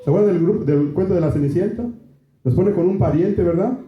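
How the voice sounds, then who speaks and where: This Mexican man's high-pitched voice moves a little fast as he preaches a chatty sermon in a Mexican Spanish accent. Asides to the congregation come often, full of "¿verdad?" and "hermanos." It was recorded in an echoey room with dull, lo-fi quality.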